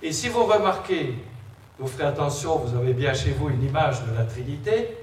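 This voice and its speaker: A priest delivers a religious lecture in a mid-range, mellow, expressive voice at normal speed, adding conversational asides for his listeners. He's in a large, reverberant indoor hall, picked up by a distant mic with echo and background noise.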